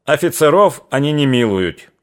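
A man's voice: mid-range voice, big pitch swings, normal speed, a bit bright, voice pushed up. A man voicing a weary young Cossack officer son who speaks bluntly and curtly. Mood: defiant.

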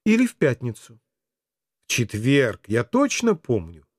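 A man's voice: wildly swooping pitch, measured pace, breathy edge, dry recording, clean studio sound, heavily acted. A male reader voicing a pair of flustered young twin sisters who bicker and contradict each other in an audiobook. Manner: high, squabbling and defensive.

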